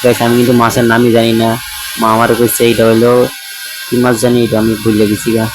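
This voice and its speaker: A man's voice: medium pitch, monotone, fast talker, background noise. A man, narrating his daily vlog as a chatty voice-over that keeps talking to the viewers. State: hoarse. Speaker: vlogger.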